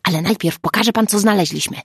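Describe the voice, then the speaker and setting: A woman reading the lines of a brisk, teasing amateur sleuth in an audiobook. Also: mid-range voice, husky, dry recording, studio quality, voice pushed up. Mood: earnest. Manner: brisk, matter-of-fact, teasing. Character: grown woman, sharp-witted amateur sleuth.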